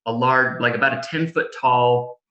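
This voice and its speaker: A man narrating a tabletop game as game master, improvising and pausing mid-phrase. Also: medium pitch, sharp tone, dull audio. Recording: echoey room.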